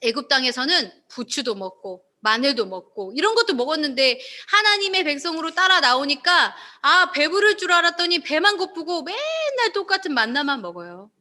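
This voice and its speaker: A woman's voice: sits high, normal speed, few pauses. A woman giving a devotional Bible talk, speaking expressively and putting questions to her listeners. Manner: expressive, asks listeners questions, acts out quotes.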